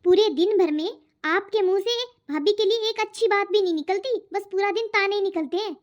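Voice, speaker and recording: Woman doing a feisty young daughter in a cartoon, always arguing, very high voice, dull audio. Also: a little fast. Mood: protesting. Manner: protesting, argumentative. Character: outspoken young unmarried daughter, spirited. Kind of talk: cartoon voice acting.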